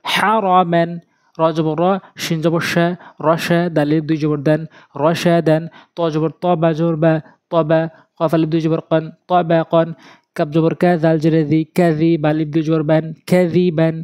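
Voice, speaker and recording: A man teaching Quran reading, spelling out syllables in a slow, sing-song drill. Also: fairly high pitch, completely flat delivery, mellow, clean tone, no room sound.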